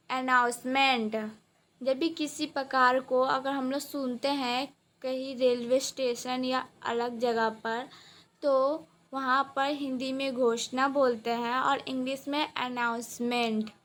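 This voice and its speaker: A woman teaching vocabulary, saying each word and its translation twice in a slow, deliberate drill, and speeding up for short explanations. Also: high voice, fairly even intonation, a bit bright. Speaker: English teacher.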